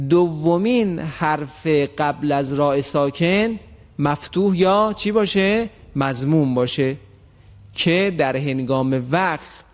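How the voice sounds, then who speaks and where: Man teaching recitation rules, slow drawn-out examples. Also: fairly high pitch, big-room sound. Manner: explanatory, repeats example words slowly and drawn out. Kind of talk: lesson.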